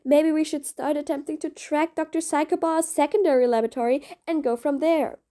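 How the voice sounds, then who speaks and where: Performed lightly by a woman for an audio roleplay, this high-pitched supervillain sounds businesslike, with fairly even intonation, a warm tone and a fairly quick pace. She's sardonic and bossy, mean yet patient, and there's a grudging fondness beneath her menace toward her listener.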